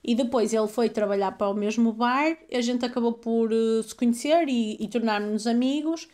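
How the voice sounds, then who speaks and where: A woman's voice: a little high, moderate pace, darkish tone. A woman from Portugal with a European Portuguese accent, a deaconess telling her story in a chatty way as an interview guest. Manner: chatty storyteller, laughs easily. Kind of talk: casual interview.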